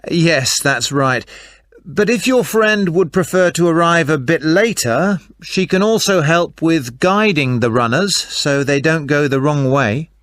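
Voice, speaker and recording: A man playing a helpful, unhurried race organiser in a scripted phone dialogue, obliging and a little hesitant. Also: a little high, lively intonation, a bit bright, dry recording, studio quality. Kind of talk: scripted listening-test dialogue.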